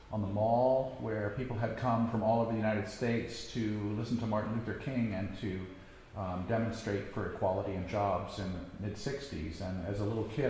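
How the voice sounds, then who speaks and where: Older man, hesitant reflective talk, booming long hall echo, faint hiss. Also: darkish tone. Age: 60s. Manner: halting, many ums and restarts. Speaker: guest speaker. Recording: echoey hall, faint background noise.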